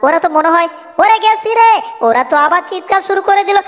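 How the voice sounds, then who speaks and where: A woman voicing a clever, fussy male cartoon mouse in a homemade dub, scolding and quick to worry. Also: very high-pitched, fairly bright tone. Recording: long reverb, echoey room.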